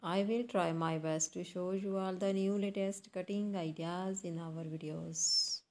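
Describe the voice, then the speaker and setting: Female YouTube narrator, lowish pitch, very unhurried, phrase-by-phrase scripted read. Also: fairly even intonation, a little mellow. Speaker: YouTube channel host. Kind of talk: scripted voice-over narration for a slideshow.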